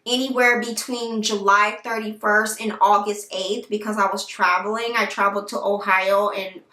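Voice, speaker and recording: A woman vlogger telling her story to viewers in a chatty, animated way, talking straight to them. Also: mid-range voice, normal speed, far from the mic. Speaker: hair care vlogger. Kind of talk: casual storytelling to camera. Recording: roomy echo, voice set back from the mic.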